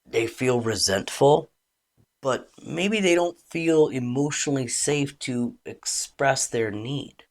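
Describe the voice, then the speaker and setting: A woman relationship coach giving a calm, deliberate educational talk, explaining with expressive emphasis. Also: very deep voice.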